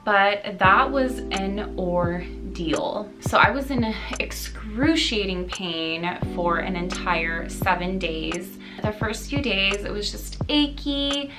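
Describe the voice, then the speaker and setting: A woman's voice: medium pitch, animated, slow, few pauses. A young adult woman giving a casual, earnest life update to camera in a conversational way. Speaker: lifestyle blogger and vlogger. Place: small indoor room at home. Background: music.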